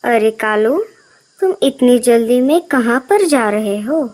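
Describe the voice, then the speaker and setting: A woman's voice: a little high, lively intonation, measured pace, darkish tone. A woman voicing a chatty, helpful older female bird in a cartoon. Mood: curious.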